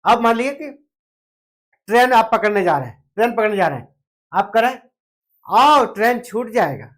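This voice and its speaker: A woman's voice: fairly high pitch, animated, brisk. Woman teaching an exam class. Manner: explains with repeated fillers and acted-out example phrases. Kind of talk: exam coaching lecture.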